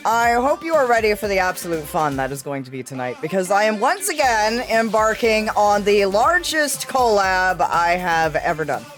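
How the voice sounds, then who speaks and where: A woman's voice: mid-range voice, very animated, normal speed, few pauses, a bit bright, soft background music. A woman hosting a casual livestream in character as a fae, chatting in an affectionate, theatrical, giggly way. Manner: affectionate, addresses listeners as darlings. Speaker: livestream host.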